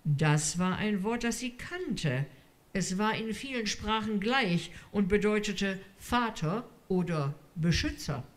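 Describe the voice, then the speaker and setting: A woman reading a literary story aloud in a measured storytelling manner. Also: medium pitch, expressive. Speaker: reader.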